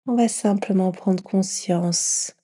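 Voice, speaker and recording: In a slow, soothing yoga nidra meditation, a woman instructs with a husky, mellow voice in the middle range. She holds her tone very steady and often softens into a breathy whisper.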